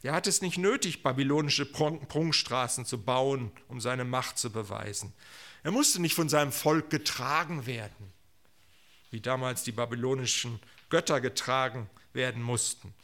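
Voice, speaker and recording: A man preaching a sermon, swinging between loud proclamations and quiet, almost whispered asides. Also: medium pitch, moderate pace.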